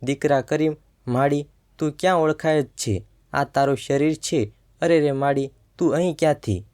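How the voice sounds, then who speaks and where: A man's voice: on the high side, normal speed, darkish tone, natural voice. A man reading as a grieving old mother. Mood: anguished. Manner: pained, trembling pleas. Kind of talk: storytelling narration.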